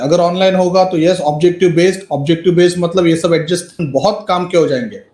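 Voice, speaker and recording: High-voiced teacher, echoey room. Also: male voice, a little mellow. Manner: mixes Hindi and English, quizzes students by name. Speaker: accountancy teacher. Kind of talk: live online class lecture. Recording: roomy echo.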